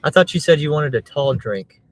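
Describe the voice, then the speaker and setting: Woman passenger, dry teasing sidekick in casual car banter, very low voice. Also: expressive, moderate pace. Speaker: passenger and co-host.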